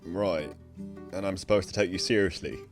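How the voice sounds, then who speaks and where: A man's voice: low voice, normal speed, faint music behind, close to an everyday voice. A man as a co-host in scripted comedy banter, teasing his guest in a dry, skeptical way.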